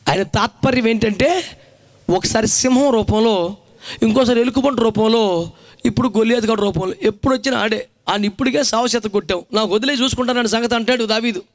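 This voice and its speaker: Male pastor, very high voice, Telugu accent, fervent colloquial sermon, calls for congregation response. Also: fairly quick. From India. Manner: impassioned preaching with call-and-response to the congregation; colloquial, dramatizing biblical characters in everyday speech.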